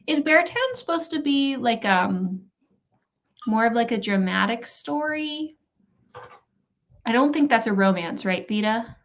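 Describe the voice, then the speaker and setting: A young woman hosts a casual reading-sprint livestream, chatting with viewers, trash-talking playfully and laughing often. Her voice is on the high side with lively intonation, at a measured pace with long pauses.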